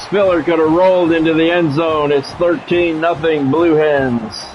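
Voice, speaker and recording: A middle-aged American man, a game streamer and sports play-by-play announcer, switches on a livestream between casual profane chat and play-by-play, blunt and grumbling. His voice sits on the high side with fairly even intonation and a slightly slow pace, over lo-fi sound and soft background music.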